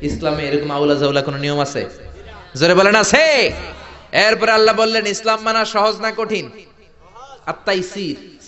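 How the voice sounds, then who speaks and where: A man preaching a sermon, animated and storytelling, often calling on the crowd to answer and shouting. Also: high-pitched. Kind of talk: Islamic sermon (waz). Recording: echoey hall, muffled lo-fi sound.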